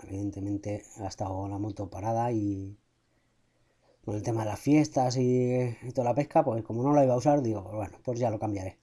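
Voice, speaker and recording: A man's voice: lowish voice, brisk, warm tone. A middle-aged man from Spain narrating his motorcycle channel in a casual, hesitant voice-over, full of fillers. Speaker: motovlogger. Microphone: voice-over recorded apart from the ride.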